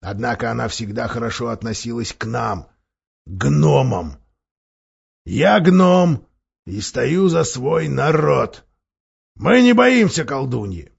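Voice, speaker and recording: A man's voice: expressive, takes it slowly, vocal fry, slightly rough, lo-fi sound, full character voice. A man voicing a sneering bitter dwarf. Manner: sneering, rising to shrill shouts. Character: bitter scheming male dwarf, sharp-tongued, defiant.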